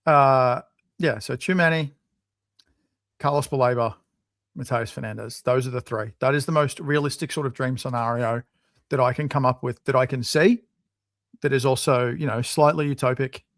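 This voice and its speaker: A man's voice: medium pitch, moderate pace, dry recording, clean studio sound. A man with an Australian accent, co-hosting a podcast in casual, opinionated chat. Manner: chatty, opinionated, lively. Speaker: podcast co-host.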